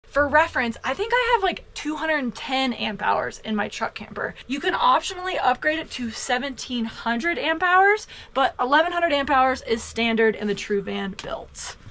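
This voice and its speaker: A woman's voice: high-pitched, animated, moderate pace, fairly bright tone. A woman vlogger giving a casual walkthrough tour, speaking to camera from inside a small camper van.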